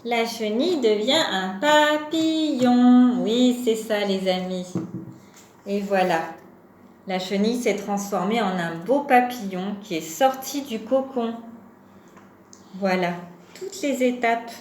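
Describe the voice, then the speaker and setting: Young woman, preschool teacher, slow and patient sing-song delivery, echoey room with faint hum. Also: mid-range voice, darkish tone. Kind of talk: home-schooling lesson for young children. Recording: roomy echo with faint background hum.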